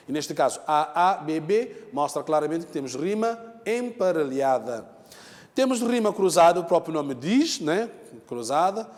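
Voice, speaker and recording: A man's voice: a little high, big-room sound. A man teaching a lesson, explaining step by step, repeating key terms and checking in with the students. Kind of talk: televised lesson.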